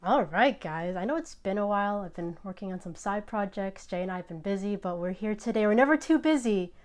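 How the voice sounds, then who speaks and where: Chatty woman host, excitable and fast-tripping. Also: mid-range voice. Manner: excitable, chatty, trips over words. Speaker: host opening trading card packs. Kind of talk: casual unboxing chat.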